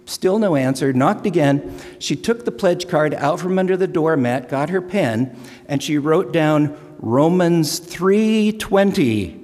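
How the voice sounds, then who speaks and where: A man's voice: on the high side, expressive, slow pace, darkish tone. Older man telling folksy jokes in church. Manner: folksy joke-telling, self-deprecating asides. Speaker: lay speaker for stewardship drive. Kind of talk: humorous church announcement with jokes. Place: church sanctuary. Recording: long church reverb.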